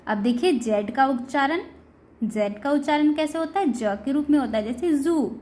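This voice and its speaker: A woman teaching a beginner English pronunciation lesson, addressing viewers as her dear children and drawing out each example word slowly. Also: sits high, a little mellow. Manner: slow, drawn-out word-by-word explanation.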